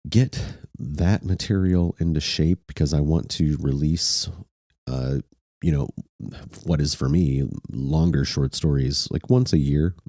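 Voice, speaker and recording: A man with an extremely low, husky voice hosts a casual online chat. He sounds sick and stuffy-nosed, and talks in a hesitant, loose way, recorded dry and close. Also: mellow, no room sound. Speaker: podcast host.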